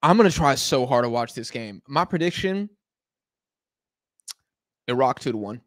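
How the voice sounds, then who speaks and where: A man's voice: mid-range voice, animated, normal speed, dry recording, studio quality. An American man casually hosting a live football watch-along from his couch at home, rambling and answering chat comments as they come in. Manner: laid-back, rambling, answers chat on the fly.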